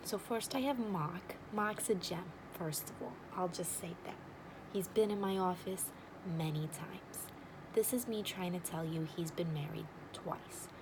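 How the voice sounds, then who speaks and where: A woman's voice: fairly low pitch, unhurried, background noise. A woman playing a blunt, nosy, wisecracking matchmaker in an ASMR role-play, with an overdone regional accent and teasing sales patter. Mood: persuasive.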